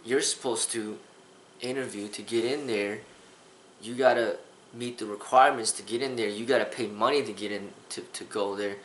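A man's voice: lowish voice, steady tone, moderate pace, echoey room, slight background noise, poor audio. A man in his thirties, a kung fu instructor, talking earnestly to the camera in a casual vlog, rambling with restarts. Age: 30s. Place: small indoor room with a sofa.

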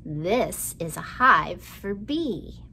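Hosting storytime indoors in front of a storytime backdrop, a middle-aged children's librarian speaks plainly to young kids, asking questions and exaggerating her delivery. Her mid-range voice is expressive, creaky and sharp in tone, with drawn-out words. Slight background noise can be heard.

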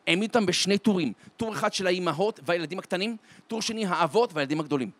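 A rabbi giving an inspirational holiday talk as a dramatic storyteller, slowing down to stretch his words for emphasis. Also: lively intonation, no room sound. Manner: dramatic storyteller with wide swings in pitch and loudness; slows to a drawn-out, deliberate delivery for emphasis. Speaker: rabbi and lecturer.

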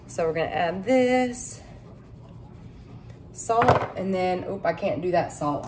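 This time the woman's voice is lowish, with a little hiss or hum in the audio. Cooking at home, she talks her viewers through a recipe in a casual, down-home style, chatting to camera and addressing them as y'all.

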